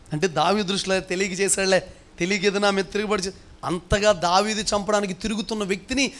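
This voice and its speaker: A pastor preaching a sermon in a notably high voice for a man. He presses his listeners with one rhetorical question after another and calls on them to answer aloud. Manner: emphatic, fires rhetorical questions, calls the congregation to respond.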